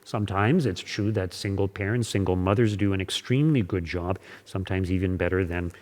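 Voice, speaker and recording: Priest preaching in a reverberant church. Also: male voice, low voice, darkish tone. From born in Hungary, raised in Canada. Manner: measured preaching, slowing on key words. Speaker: parish priest. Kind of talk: Sunday homily.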